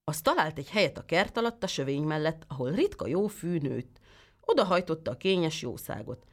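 A woman reading a fairy tale aloud with lively, expressive storytelling. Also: deep voice.

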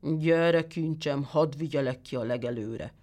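A woman voicing a suspicious, quick-tempered old male tailor who scolds with sharp exclamations. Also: sits low, close to an everyday voice. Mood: coaxing.

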